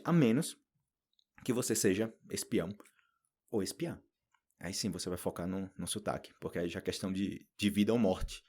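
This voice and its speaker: A man from Paraíba with a northeastern Brazilian accent, chatting casually as he teaches Portuguese, animated and lively, often acting out other people in a higher voice. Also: breathy edge. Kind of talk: unscripted podcast lesson.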